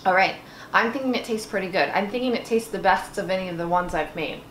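A home cooking vlogger in her thirties talks through a home recipe in a chatty, candid, self-deprecating way. She speaks fast in a mid-range, fairly bright voice, in an echoey room with background noise.

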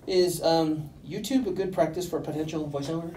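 A man in his forties with a soft-edged, mellow voice, putting casual questions as an interviewer. He sounds a little distant in a roomy space with faint noise. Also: a little high, moderate pace. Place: small convention interview room.

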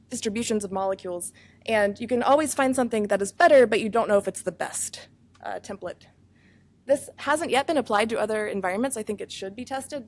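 A woman scientist giving a conference research talk, explaining fast and earnestly, with many fillers and self-corrections, over a microphone in a room with speakers. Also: fairly high pitch. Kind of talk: academic conference presentation. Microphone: microphone feeding room speakers.

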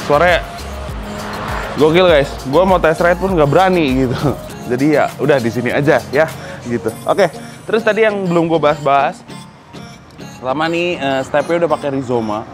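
A young man hosting a casual motorcycle walkaround, excitable and slangy, talking outdoors in a garage courtyard on a lapel mic. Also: fairly high pitch, brisk, pauses often, music in the background. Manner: excitable, slangy, thinking aloud. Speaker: motorcycle vlog host.

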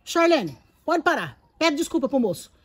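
A woman's voice: high-pitched, very animated, normal speed, no echo. A woman with a Brazilian accent playing a kind mother who scolds her spoiled daughter in an amateur skit. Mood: scolding. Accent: Brazilian Portuguese. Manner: gentle but scolding, teasing. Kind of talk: amateur comedy skit acting.

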